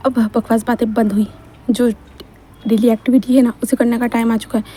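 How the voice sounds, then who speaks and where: A woman's voice: fairly high pitch, level tone, a little fast, mellow, natural voice. A woman voicing a domineering young man who teases and gives orders. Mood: commanding. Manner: teasing, commanding.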